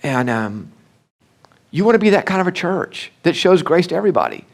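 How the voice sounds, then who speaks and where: Animated pastor, middle-aged man. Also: a little high, brisk, creaky. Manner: animated, acts out quoted voices, many restarts and fillers. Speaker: senior pastor. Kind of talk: conversational church talk.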